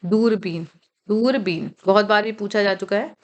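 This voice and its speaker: A woman teaching English vocabulary for competitive exams, who explains slowly, spells words out letter by letter and keeps checking with "ठीक है?". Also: mid-range voice. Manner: mixes Hindi with slow, careful English phrases. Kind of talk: exam-prep vocabulary lesson.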